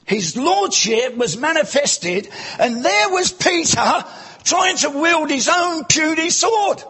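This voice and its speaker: With a very high voice and a slow pace, a man preaches animatedly in church. He breaks into loud exclamations now and then and poses rhetorical questions to the congregation.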